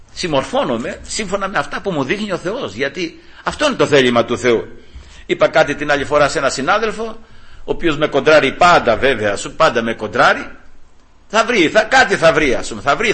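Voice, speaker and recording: An older man in his sixties preaching a sermon to his congregation, animated and asking rhetorical questions with emphasis. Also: on the high side. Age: 60s.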